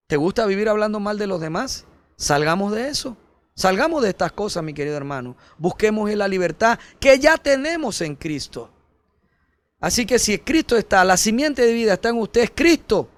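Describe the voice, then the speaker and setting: A man preaching a sermon as pastor, earnest and emphatic, addressing listeners directly as brother and swinging between forceful peaks and soft, low passages.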